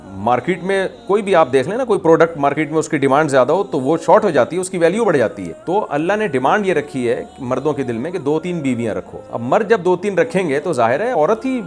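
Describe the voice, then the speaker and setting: A man's voice: a little high, animated, hardly any pauses, soft background music. A man with a Pakistani Urdu accent giving an emphatic religious lecture, explaining with repeated examples. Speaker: Islamic preacher. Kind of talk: religious lecture answering a question.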